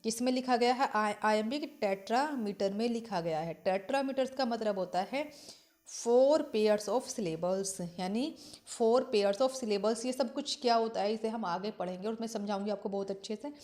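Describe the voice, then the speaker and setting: A woman's voice: on the high side, a little mellow. A woman teacher explaining literature for exams, repeating key points and asking and answering her own questions. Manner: reads English verse slowly and haltingly. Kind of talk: exam-prep literature lesson.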